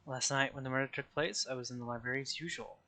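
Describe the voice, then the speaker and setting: A man voicing a haughty, coldly cruel young noble heir from a video game, calm and condescending as he reads the lines aloud. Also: mid-range voice, fast. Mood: cold, unbothered.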